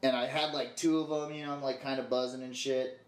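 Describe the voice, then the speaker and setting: A man's voice: mid-range voice, level tone, fast, roomy sound. A young man co-hosting a podcast in casual chat, laid-back and profane, drawing out his stories. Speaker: podcast co-host.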